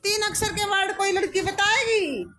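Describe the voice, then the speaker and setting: A woman's voice: very high voice, moderate pace, pushed and bright. A woman schoolteacher teaching pupils in a classroom, calling on them, praising and correcting their answers. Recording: echoey classroom with music over it.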